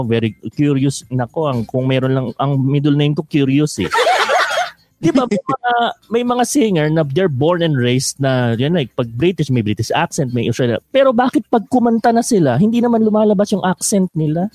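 A man's voice: a little high, very animated, moderate pace, a little mellow, no room sound. A male host in a casual interview, chatty and laughing often as he reads out viewer questions.

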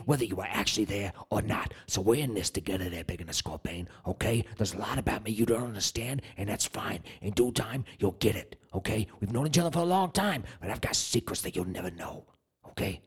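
A man's voice: medium pitch, breathy edge. A man co-hosting a podcast, doing an improvised comedy bit with rambling, mock-menacing tough-guy talk. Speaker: podcast co-host.

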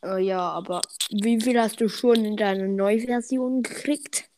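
A woman's voice: medium pitch, measured pace, dark tone, a little hiss or hum. A young female voice in casual podcast chat, bossy and teasing, sometimes putting on a whiny mock cry. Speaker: podcast co-host.

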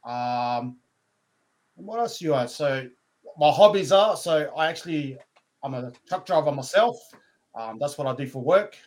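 A man's voice: a little high, animated, a little slow, a little mellow. A man from Brisbane, chatting informally as a podcast guest, using brotherly slang and "eh" tags. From Brisbane, Australia, born in New Zealand. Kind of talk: casual interview chat.

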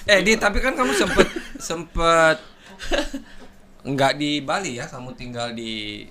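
Male co-host, Indonesian accent, brief informal remarks, bright voice, light background noise. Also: on the high side, expressive, a little slow. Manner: short informal interjections. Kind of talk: casual chat.

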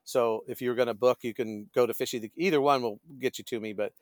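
A man's voice: mid-range voice, fairly even intonation, fast talker, dry recording, clean studio sound. A middle-aged man, a pastor and fishing guide, chatting as a podcast guest and often searching for his words. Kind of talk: casual conversational storytelling.

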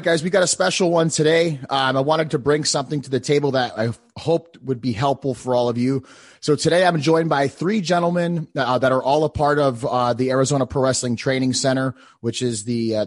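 A man in his late thirties hosts a motivational podcast, speaking intensely and using swear words for emphasis. His voice sits at a medium pitch, and there's no echo.

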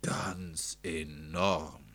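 A man voicing a kindly old lamplighter in a story, calm and soft-spoken. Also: extremely low pitch, very slow, voice pushed down, heavily acted. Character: old, slow-footed male lamplighter, kindly.

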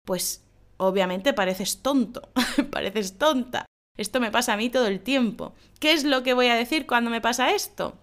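A woman's voice: a little high, normal speed, a bit bright. A woman hosting a casual podcast lesson, laughing often and acting out example phrases. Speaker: Spanish teacher, podcast host.

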